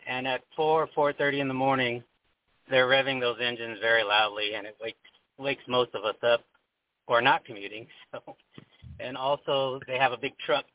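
A man's voice: medium pitch, no echo. A man calling in to a radio show over a phone line, chatting casually and complaining mildly in an easygoing way. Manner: easygoing, mild-mannered complaining. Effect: caller heard over a phone line. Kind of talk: casual call-in chat. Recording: tinny dry phone line.

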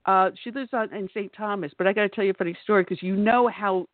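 High-pitched man, tinny line. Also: steady tone, fast, no echo. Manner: chatty, laughs while telling stories. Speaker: talk show co-host. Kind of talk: casual radio chat. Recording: tinny phone-like line, dry.

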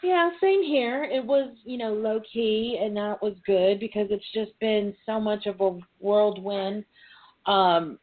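A woman's voice: mid-range voice, unhurried. A woman hosting a call-in talk show in a chatty, playful, informal way. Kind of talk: casual chat. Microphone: phone line. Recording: tinny phone line with noise.

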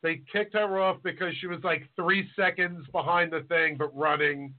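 A man's voice: on the high side, steady tone, normal speed. A chef in his forties chatting casually, rambling and self-deprecating with a joking manner. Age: 40s. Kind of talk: casual podcast chat. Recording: tinny phone-like line.

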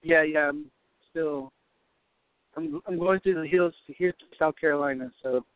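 This caller preaches prophetically by phone as he drives through hills, exhorting the listener directly and fervently. His voice is a little high and a little slow, without echo. The connection is tinny and buzzy, glitching and breaking up throughout.

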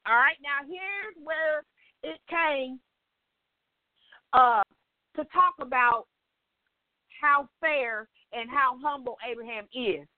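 An older woman leading an informal Bible study, a chatty, animated storyteller who acts out dialogue and keeps checking in with her listeners. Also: high voice, slow pace, pauses often, no echo. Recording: tinny phone-line audio, dry.

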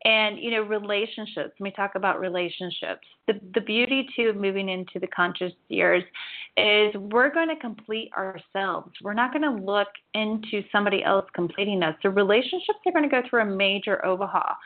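A woman's voice: medium pitch, animated, fairly quick. Woman in her forties, psychic reader, rambling chatty forecast, thin phone-like audio. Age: 40s. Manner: chatty, rambling, frequent "you know". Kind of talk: spiritual forecast monologue.

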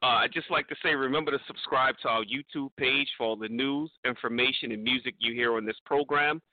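A man hosting a radio show, thanking sponsors and callers in a relaxed way with many fillers. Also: mid-range voice, a little fast, no echo, phone-quality sound. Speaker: radio host.

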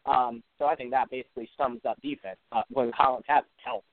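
A man's voice: mid-range voice, fairly even intonation, fairly quick, dry recording. A man co-hosting a casual sports talk podcast, telling game stories as an eager fan with some "uh" fillers. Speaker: podcast co-host. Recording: dry tinny phone-like line.

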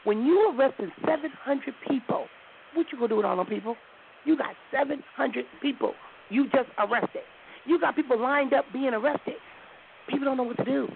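Male talk host, firm questioner, strained voice; raspy, higher register, phone-quality audio. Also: fairly quick, slight background noise. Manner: firm, steering the callers with questions. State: losing his voice. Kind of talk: live call-in talk radio.

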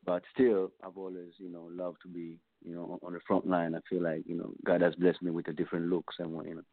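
A Tanzanian man with a low voice talks fast and in a monotone as a musician guest in an interview. He meanders reflectively through his answers, leaning on many filler phrases. The call sounds tinny, as if over a phone line, and completely dry.

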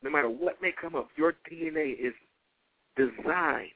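A man delivers a motivational sermon over a thin, phone-like line with very little room sound. His voice sits a little high, and he speaks with fervent emphasis. He hammers key phrases home by repeating them like a preacher. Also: moderate pace, dry recording.

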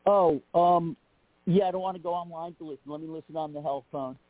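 Heard over a phone line, a man calls in to a radio show for a casual chat, rambling in a scattered way and swearing offhandedly. His voice is fairly high and steady in tone, brisk, with no echo.

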